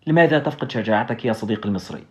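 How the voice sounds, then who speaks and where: A man reading the lines of a gravely injured young woman who speaks quietly and grows weaker. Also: fairly low pitch, lively intonation, rapid-fire, natural voice. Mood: gentle. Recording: dull lo-fi recording.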